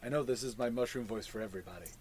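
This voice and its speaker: A man's voice: mid-range voice, rapid-fire, darkish tone. A man casually narrating a tabletop fantasy game as the dungeon master and host.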